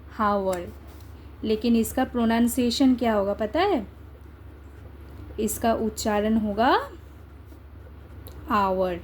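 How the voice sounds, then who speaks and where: Slow-paced Hindi-speaking woman teaching English. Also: a little high, a little hiss or hum. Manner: coaxing, checks understanding with repeated tag questions. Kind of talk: exam-prep grammar lesson.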